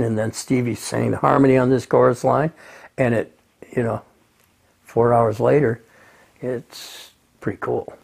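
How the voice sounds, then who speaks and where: A man, a record producer, telling studio anecdotes in a relaxed storytelling way. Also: mid-range voice, creaky, breathy edge. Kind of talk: interview anecdotes.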